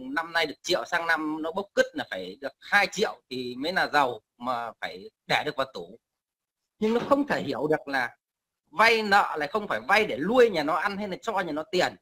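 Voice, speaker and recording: A man's voice: on the high side, pushed and bright. A male caller ranting angrily and coarsely, often stammering and repeating words. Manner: angry, coarse, repetitive stammering. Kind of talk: heated call-in rant.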